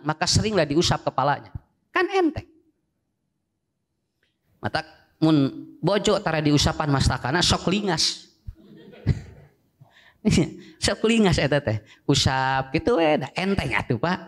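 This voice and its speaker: A male Islamic preacher with a Sundanese accent, giving a sermon in a joking, storytelling way that switches between two languages. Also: a little high.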